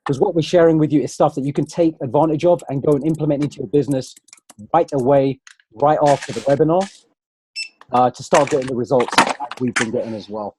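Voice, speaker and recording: Talking directly to viewers over a computer mic, a man hosts an online webinar in a relaxed, chatty way. He has a medium-pitched voice, speaks a little fast, and there is background noise.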